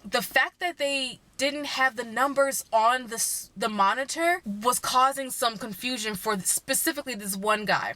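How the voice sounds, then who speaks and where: A young woman from Texas, vlogging in a chatty, opinionated way, her pace running fast then slow. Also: medium pitch, sharp tone. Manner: chatty, opinionated, speeds up and slows down. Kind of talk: casual vlog chat.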